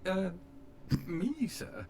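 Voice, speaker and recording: A man's voice: sits high, very animated, extremely slow, vocal fry, darkish tone, slight background noise, exaggerated voice. A man voicing a polite, fawning male butler robot in a video game, formal and deferential, always calling his master sir. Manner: obsequious, addresses master in third person as sir.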